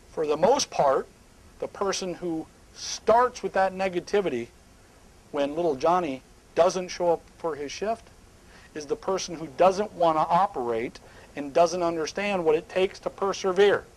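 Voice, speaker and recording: A man's voice: a little high, poor audio. Emphatic middle-aged man at a seminar. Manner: emphatic, animated gestures, drops to hushed asides. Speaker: seminar speaker. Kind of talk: live seminar talk. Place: small curtained stage room, indoors.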